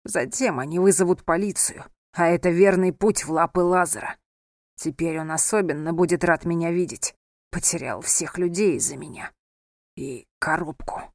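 A woman reading a novel aloud and voicing a badly wounded young husband who talks quietly and with strain. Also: lowish voice, moderate pace, no echo, studio quality, close to an everyday voice. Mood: weak, steady. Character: wounded young husband, weak, hushed, stoic. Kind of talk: audiobook character voice.

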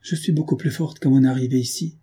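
Give me a gentle, tearful young woman, a man doing her in a dark, husky tone, in an audiobook. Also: medium pitch, fairly even intonation, fairly quick, close to an everyday voice. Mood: tender. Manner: soft, trembling, tearful. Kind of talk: audiobook reading.

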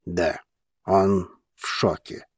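A man voicing a brooding, jealous grown man in an audiobook, with a low, slow, gruff murmur. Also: darkish tone, dry recording, clean studio sound. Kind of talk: audiobook character voice.

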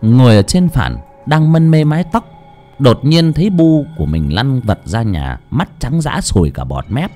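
A man's voice: mid-range voice, big pitch swings, normal speed, mellow. A man narrating a horror story in a dramatic storytelling voice. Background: faint background music.

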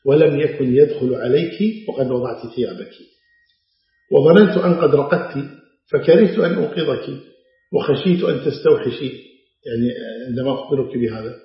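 A middle-aged man giving a religious lecture, retelling old narrations and explaining them in everyday asides. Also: medium pitch. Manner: narrates hadith then explains in colloquial Gulf Arabic asides. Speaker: Islamic scholar lecturing. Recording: very echoey dull lecture recording.

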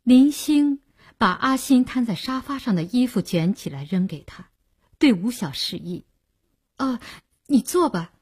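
A woman narrating a novel in a measured storytelling reading. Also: a little high, expressive, breathy edge.

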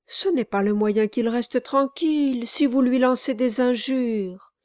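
A woman doing a mild, timid young gentleman. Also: fairly high pitch, measured pace, no echo, studio quality, voice pushed up, close to an everyday voice. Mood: calm.

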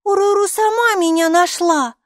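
A woman voicing an eager six-year-old girl who argues back readily, in a high, childlike voice for a storybook. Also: measured pace, no echo, studio quality. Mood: indignant.

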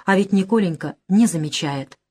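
A woman's voice: on the low side, normal speed, darkish tone, husky. A woman narrating a classic novel as an audiobook, reading expressively with emotion.

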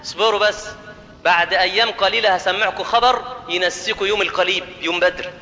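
A man voicing a boastful, scheming chieftain in rapid, lower Egyptian colloquial speech. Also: steady tone, pushed and bright, big-room sound. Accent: Egyptian Arabic.

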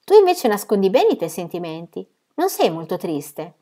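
A woman voicing a quiet married man who speaks in soft, dry remarks. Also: mid-range voice, big pitch swings, moderate pace.

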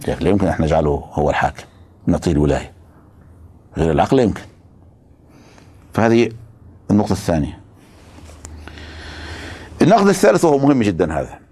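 A man's voice: sits low, warm tone. A man giving a religious philosophy lecture, emphatic and stopping often to ask his students rhetorical questions.

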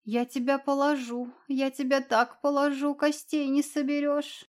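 A woman's voice: on the high side, steady tone, slow pace. Female narrator voicing a brash male cat familiar, growling, bellowing, raised voice, storybook.

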